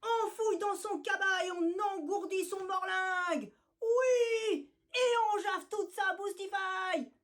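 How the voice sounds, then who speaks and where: A woman voicing a rowdy gang of mangy alley cats who jeer in shrill shouts. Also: slow pace, heavily acted.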